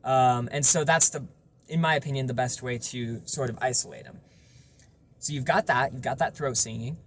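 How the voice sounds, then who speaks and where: A man's voice: mid-range voice, animated, normal speed, a little hiss or hum. A man giving an informal, explanatory tutorial on vocal technique, stressing points through repetition.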